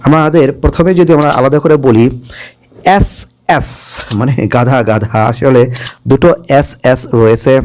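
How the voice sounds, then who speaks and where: A man's voice: medium pitch, darkish tone, a little hiss or hum. A man teaching an English spelling lesson, spelling each word out letter by letter and explaining its meaning. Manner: spells words letter by letter, slow and careful; explains Bengali meanings, checks with "okay?".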